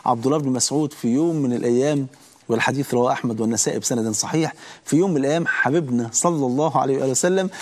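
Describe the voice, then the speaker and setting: A man's voice: mid-range voice, racing. A man with an Egyptian Arabic accent preaching a sermon, emphatic and full of rhetorical questions to his listeners.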